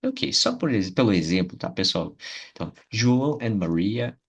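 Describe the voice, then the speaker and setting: A man from Brazil teaching an English lesson on video, with a fairly low, husky voice. He patiently repeats words slowly and keeps checking in with his viewers. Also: lively intonation.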